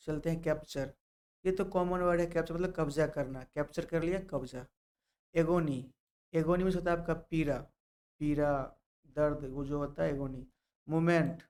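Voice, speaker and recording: A man's voice: a little high, a little mellow, smooth. A man teaches English word meanings, repeating each word and spelling it out letter by letter. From Bihar, India. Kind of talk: vocabulary lesson.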